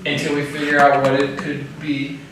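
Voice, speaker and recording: A man's voice: fairly high pitch, monotone, moderate pace. A man voicing cautious doubts in casual chat, recorded from far off in an echoey, noisy room. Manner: cautious, questioning. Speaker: ghost hunting co-host.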